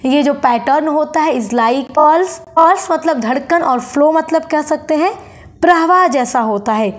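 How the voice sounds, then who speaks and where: Woman teacher with a high voice, explains everything slowly, repeats each term, reads notes aloud. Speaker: literature teacher. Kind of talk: exam-prep lecture.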